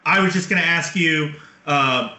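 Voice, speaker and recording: A man's voice: fairly high pitch, unhurried, sharp tone. A man in his thirties hosting a podcast over a remote call, rambling with fillers and restarts while his connection breaks up. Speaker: podcast host. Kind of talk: casual remote chat. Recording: echoey remote call line, dropping out.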